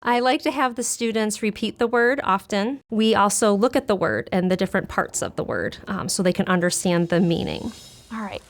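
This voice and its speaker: A woman with a medium-pitched voice, lively in intonation and a little fast, teaches elementary school. She reads aloud to young children and explains her method, making words and lessons simple and clear for them while asking the pupils questions.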